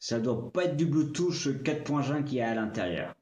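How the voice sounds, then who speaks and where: A man's voice: medium pitch, expressive, normal speed, a little mellow, roomy sound. A man casually reviewing a small speaker on a livestream, chatty and playful, talking straight to the viewer. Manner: chatty and playful, addresses viewer with tu, occasional swearing. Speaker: tech reviewer.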